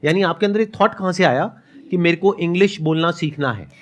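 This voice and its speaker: A man's voice: fairly high pitch, a little fast, muffled recording. A man hosting a stage interview, asking short, friendly questions. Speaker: host. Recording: crowd and noise behind.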